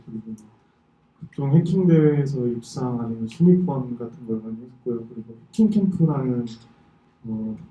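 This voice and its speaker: A twenty-year-old man giving an informal technical talk, halting as he searches for words, with slightly impaired articulation after dental work. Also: medium pitch. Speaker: conference presenter. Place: indoor talk venue. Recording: muffled, echoey room, distant microphone.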